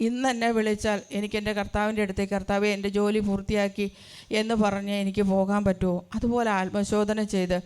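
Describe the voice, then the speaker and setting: Woman, religious sister, sermon testimony, earnest rhetorical questions, flat even delivery, crisp voice. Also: mid-range voice. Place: church retreat hall.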